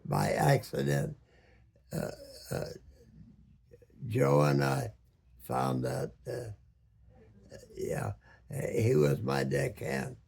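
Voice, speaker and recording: A very old man, over a hundred, a former boat captain reminiscing in a halting way, searching for words with long pauses and many ums. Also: medium pitch, sing-song, a little mellow. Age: over 100, very old man. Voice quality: very aged, gravelly, husky voice. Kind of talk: slow reminiscing storytelling.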